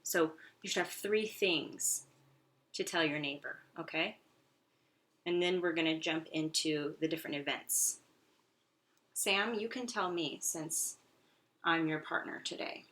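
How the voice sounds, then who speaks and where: An elementary school teacher leads a read-aloud lesson for young pupils, speaking in a low, sharp voice that's unhurried and full of pauses. She is encouraging and instructional, using simple phrasing and asking frequent questions. The recording is noisy, with clicks.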